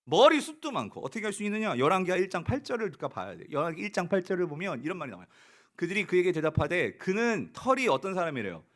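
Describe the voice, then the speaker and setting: A man's voice: high-pitched, very animated, fast talker. A man preaching a sermon as pastor, asking his congregation questions and acting out mocking voices.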